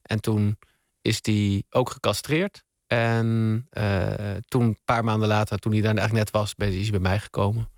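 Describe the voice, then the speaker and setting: A man, a guest on a radio interview, telling a rambling story in a relaxed, meandering way with many fillers, at a studio microphone. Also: lowish voice, moderate pace, no echo. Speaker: guest, spoken word artist.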